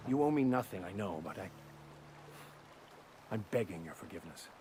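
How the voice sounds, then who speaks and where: A man's voice: on the low side, animated, moderate pace, lightly acted. An actor playing an earnest, remorseful man who has been in prison, with game music playing. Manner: earnest, reflective. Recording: game audio over clear music.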